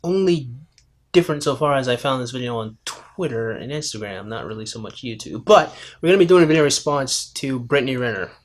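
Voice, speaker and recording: A man's voice: medium pitch, lively intonation, brisk. Man giving casual video commentary. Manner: conversational, lecturing, addresses her as "my friend".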